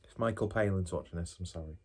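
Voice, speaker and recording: Male reviewer, fairly low voice, informal and musing, talking viewers through a tasting with self-deprecating asides. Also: fast. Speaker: beer reviewer, host.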